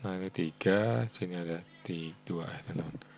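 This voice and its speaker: This low, creaky, darkish voice belongs to a man hosting a web design tutorial over screen share, thinking aloud at a normal pace and calling his viewers friends. The lo-fi mic sounds dull, with a hum in the background.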